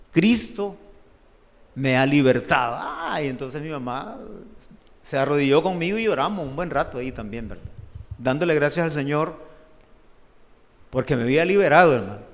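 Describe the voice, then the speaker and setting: A middle-aged man with a Salvadoran Spanish accent, preaching a testimony sermon in an animated storytelling way, often addressing listeners as brother. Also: a little high. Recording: long hall reverb.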